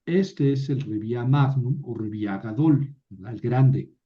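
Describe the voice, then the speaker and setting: Male teacher, slow and patient, mid-pitched voice, hesitant fillers. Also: highs cut off. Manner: patient, explaining step by step with many "eh" fillers; stumbles and restarts words mid-sentence. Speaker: Biblical Hebrew teacher. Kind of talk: recorded online lesson.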